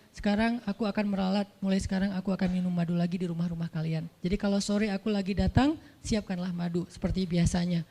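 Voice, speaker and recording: A man preaching a casual storytelling sermon in slangy everyday speech, playfully acting out the dialogue of the people in his story. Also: very high-pitched. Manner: playful, acts out quoted dialogue in colloquial slang. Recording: reverberant hall.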